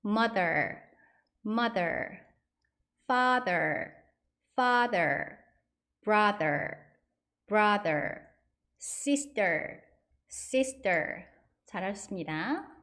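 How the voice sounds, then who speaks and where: A Korean-speaking woman teaching an English lesson, patiently drilling words for students to repeat. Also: fairly high pitch. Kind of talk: online English grammar lesson.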